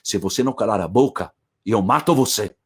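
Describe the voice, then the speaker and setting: A man playing a gruff bearded brute. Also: on the low side, brisk. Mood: threatening. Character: big bearded threatening man.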